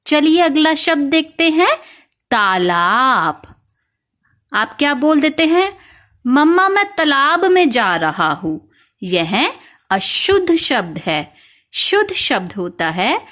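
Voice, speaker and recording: Slow, lively woman teaching children spelling. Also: sits high. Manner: slow, spells words letter by letter, asks questions.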